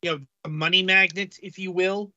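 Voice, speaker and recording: A man co-hosting a casual game-review podcast, talking haltingly with many fillers. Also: high-pitched, steady tone, sharp tone, no echo, lo-fi sound. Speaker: podcast co-host reviewing games.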